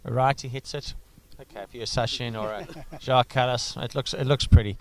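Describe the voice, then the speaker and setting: A man's voice: mid-range voice, fairly even intonation, fairly quick, poor audio. A man from Africa, giving chatty live cricket commentary full of enthusiastic asides. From South Africa.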